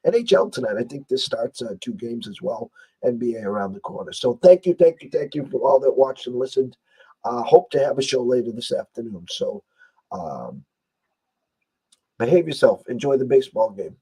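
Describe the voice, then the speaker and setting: An American man with a hoarse, strained voice that is nearly gone, hosting a casual sports betting talk show. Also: medium pitch, expressive, normal speed, warm tone, low-quality recording. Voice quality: husky, strained voice. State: hoarse, losing his voice.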